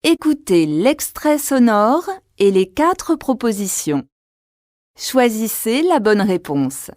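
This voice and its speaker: Slow, clear woman reading exam prompts. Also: on the high side, very animated, darkish tone, dry recording, clean studio sound. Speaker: exam audio narrator. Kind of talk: scripted exam instructions.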